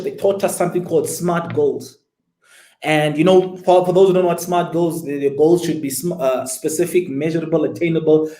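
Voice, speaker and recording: Appearing as an interview guest, a twentysomething entrepreneur recounts his story in a fairly high, darkish voice. He talks with emphasis and repeatedly poses rhetorical questions to the listener, while the room echoes noticeably.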